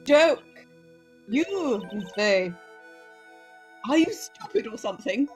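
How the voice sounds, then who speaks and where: Woman playing a scheming witness, high lilting voice, slow sly delivery, mocking. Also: sing-song, soft background music. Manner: sweet then mocking evil voice, giggling. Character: scheming young woman witness turning sinister. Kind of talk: casual fan read-through of a game script.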